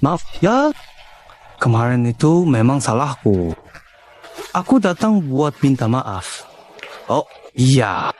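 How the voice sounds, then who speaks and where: A man's voice: mid-range voice, sing-song, slow, long pauses, a little mellow. A man voicing a scheming, two-faced young man in a dubbed drama, talking in a mocking, taunting way. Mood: falsely friendly.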